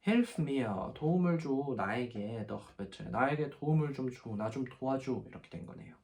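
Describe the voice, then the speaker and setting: A male teacher walks through textbook exercises one by one, patient and methodical. He slows right down whenever he sounds out an example phrase. His voice sits at a middle pitch but moves up and down a lot. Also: animated, darkish tone. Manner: patient, explains step by step, slows down to spell out German phrases. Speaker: German language teacher. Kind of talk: textbook lesson explanation.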